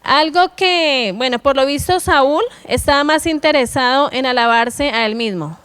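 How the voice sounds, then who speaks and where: A woman's voice: high voice, a little slow, fairly bright tone, no room sound. A woman preaching a sermon, earnest and exhorting, repeating phrases for emphasis.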